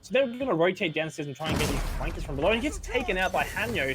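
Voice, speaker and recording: Excitable male esports play-by-play caster. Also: high-pitched, rapid-fire. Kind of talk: play-by-play commentary. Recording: noisy stream audio.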